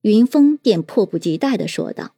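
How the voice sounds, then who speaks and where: A woman's voice: medium pitch, lively intonation, normal speed, mellow, breathy edge, dry recording. A woman narrating a serialized detective novel, moving between plain narration and teasing character voices. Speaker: audiobook narrator.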